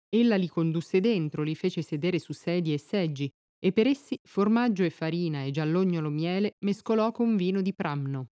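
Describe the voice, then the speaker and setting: A woman narrator reading epic poetry aloud in a measured, steady, formal manner. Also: fairly low pitch, no room sound, studio quality.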